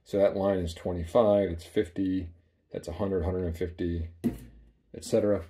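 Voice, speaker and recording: A man's voice: deep voice, flat delivery, moderate pace, dark tone. A man casually demonstrating equipment in a small workshop, plain-spoken with frequent ums, speaking off camera. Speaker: amplifier builder demonstrating equipment.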